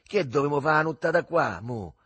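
A man voicing a surly, impatient Roman teenage boy with a Roman dialect and a husky voice. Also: on the high side, lively intonation, moderate pace, a bit bright. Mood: gruff.

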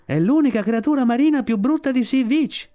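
Guy doing a screechy seagull, high and taunting. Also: brisk, warm tone, soft background music. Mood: jeering. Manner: jeering, screechy. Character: mocking shrill seagull.

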